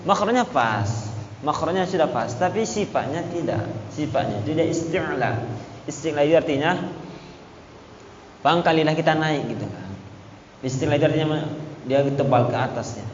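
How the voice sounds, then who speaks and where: A man with a fairly high voice teaches Quran recitation at an unhurried pace, chanting verses and drilling single syllables. He sounds far off in a long-echoing hall, on a dull, lo-fi recording. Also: darkish tone, slight background noise. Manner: repeats syllables and chants verses slowly to demonstrate; patient, explanatory. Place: mosque hall.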